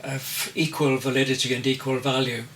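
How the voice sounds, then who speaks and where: An elderly artist in his eighties gives reflective interview answers, pausing often and choosing each word with care. His voice is bright, and he sits back from the microphone. A faint hiss runs underneath. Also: mid-range voice, little pitch movement. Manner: slow, deliberate, searching for words. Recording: distant mic with faint noise.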